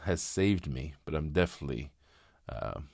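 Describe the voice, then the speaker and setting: Brief: fifties man, deep voice, dry close sound, halting confessional vlogger. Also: expressive, a little mellow, no echo. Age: 50s. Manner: halting, reflective, frequent restarts. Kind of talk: candid personal vlog.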